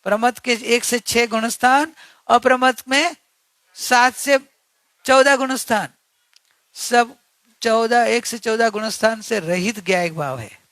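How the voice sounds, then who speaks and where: Man, spiritual teacher, earnest and repetitive, high pitch, dry close recording. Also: a little slow, long pauses, bright, forceful tone, no echo. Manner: earnest, repetitive, asks rhetorical questions. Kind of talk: religious discourse.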